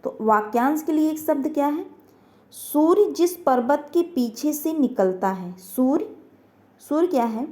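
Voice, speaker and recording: A woman's voice: sits high, animated, measured pace, a little mellow. A woman teaching an online grammar lesson, asking questions and answering them herself, repeating each word.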